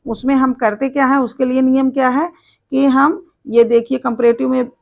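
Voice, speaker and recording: A woman's voice: sits high, steady tone, moderate pace, gravelly. A woman teaching English grammar, explaining rules step by step, spelling words letter by letter and repeating them. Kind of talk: board lesson, explaining step by step.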